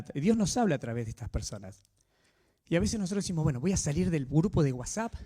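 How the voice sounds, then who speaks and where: A man with a Rioplatense accent preaching a sermon in a conversational way, often checking in with his listeners. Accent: Rioplatense Spanish. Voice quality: animated, swinging pitch. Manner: conversational, asks the audience frequent tag questions.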